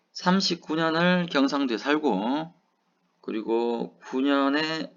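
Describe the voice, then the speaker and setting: A man's voice: medium pitch, a bit bright, muffled recording. A man in his forties with a Gyeongsang accent, lecturing and answering his own rhetorical questions. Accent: Gyeongsang Korean. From Gyeongsang region, South Korea. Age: 40s. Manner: asks rhetorical questions and answers them himself.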